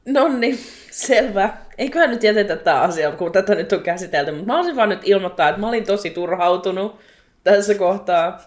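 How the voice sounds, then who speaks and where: A woman co-hosting a podcast in casual chat, retelling a book chapter in an animated, exasperated way with quick laughter. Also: mid-range voice. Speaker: podcast co-host.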